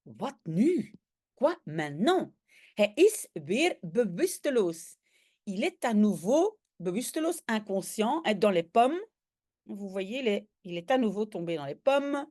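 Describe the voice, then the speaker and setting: A woman with a Flemish accent, a language teacher reading a comic aloud and explaining each line, with lively bursts when she voices the characters' cries. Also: mid-range voice, slow pace.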